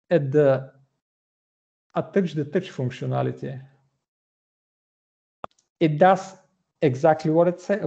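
Slow, gravelly man demoing code. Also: a little high, dark tone, muffled recording. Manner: methodical, explanatory, many "uh" pauses. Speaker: front-end developer presenting. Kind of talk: screen-share coding walkthrough.

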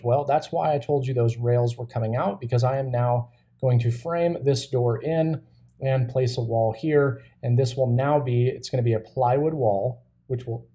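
A man's voice: medium pitch, mellow. A young man hosting a woodworking channel, casually talking through a design on screen and thinking aloud with fillers. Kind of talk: casual screen-share walkthrough.

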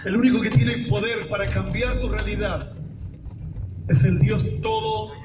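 High-voiced preacher in an echoey church. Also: male voice, steady tone, loud music behind the voice. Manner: exhorting, has the congregation repeat phrases; reads scripture aloud slowly. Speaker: pastor. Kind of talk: sermon. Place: church hall. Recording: echoey church from far off with loud traffic noise.

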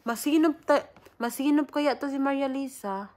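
A woman's voice: high-pitched, moderate pace, darkish tone. A Filipina woman, chatting casually on a livestream, greeting viewers by name and laughing often. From Philippines. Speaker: livestream host.

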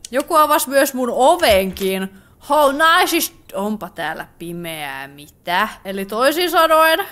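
A woman's voice: mid-range voice, a bit bright. A woman with a Finnish accent giving let's play commentary on a horror game, chatty and jumpy, with startled exclamations. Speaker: gaming YouTuber.

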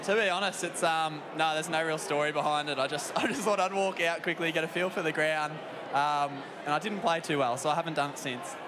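A man's voice: fairly high pitch, brisk. Young Australian male athlete, light-voiced, post-match chat at a noisy stadium. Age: young adult. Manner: easygoing, modest, many fillers. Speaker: footballer interviewed after a match. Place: outdoors at a stadium beside the field. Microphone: handheld mic with headset. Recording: stadium noise behind.

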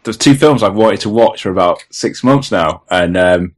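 A man's voice: on the low side, lively intonation, normal speed. A man co-hosting a podcast, chatting in an easygoing, enthusiastic way and laughing often. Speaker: podcast co-host. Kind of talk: casual chat.

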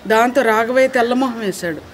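Woman storyteller, children's story, expressive, lively, faint background noise. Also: fairly high pitch, fairly quick.

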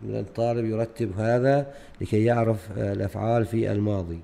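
Male teacher with a Gulf Arabic accent, dark mellow tone, hesitant explanatory delivery that mixes Arabic and English words. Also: on the low side, steady tone, quick pace, gravelly. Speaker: teacher explaining a grade-four English unit. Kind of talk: recorded lesson walkthrough.

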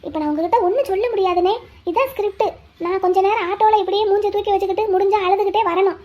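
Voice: extremely high pitch, quick pace, muffled recording. A performer voicing a wary young village woman who talks to herself and coaxes others in a cartoon. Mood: coaxing. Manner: talks to herself, pleading and coaxing. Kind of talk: cartoon voice acting, inner monologue and dialogue.

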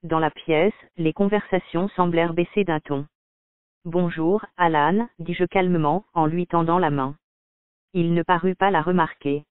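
An audiobook narrator, a man with a fairly high, crisp voice, tells a first-person story in a calm, measured reading. The audio is completely dry with no room sound and thin, tinny, like a phone line.

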